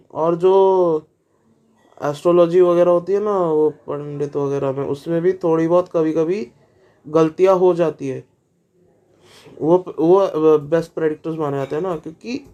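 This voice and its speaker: A man reacts to a video in a relaxed, casual way, firing off skeptical questions. His voice sits a bit high but sounds mellow and dark, with frequent fillers and self-corrections.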